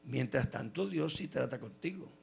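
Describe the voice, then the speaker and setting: A man preaching a sermon, telling stories with quoted voices and sudden loud bursts. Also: mid-range voice, lively intonation, moderate pace, vocal fry, breathy edge.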